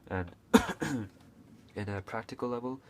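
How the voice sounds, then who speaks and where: This young Hong Kong video creator has a mid-range voice and an unhurried delivery as he talks casually to camera. His speech is hesitant, packed with fillers and restarts, with a few coughs, and a little hiss or hum is audible.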